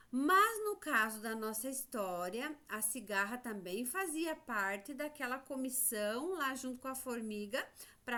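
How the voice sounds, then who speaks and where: A woman's voice: a little high, bright, forceful tone. A woman teacher with a Brazilian accent, walking children through a class exercise in a sing-song, prompting way. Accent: Brazilian Portuguese. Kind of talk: remote class lesson.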